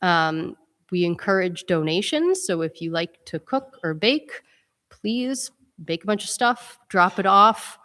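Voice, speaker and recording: A woman minister with a stuffy head cold leads the welcome and announcements at a church service in a chatty, informal way, using frequent ums. Her lowish voice is animated and fairly bright, a little slow, with long reverb from the church sanctuary.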